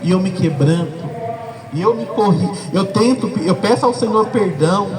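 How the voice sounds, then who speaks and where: A man's voice: high voice, normal speed, recorded from a distance, noisy background. A Brazilian man preaching a sermon as pastor, talking conversationally and emphatically straight to his listeners. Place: church service with a congregation.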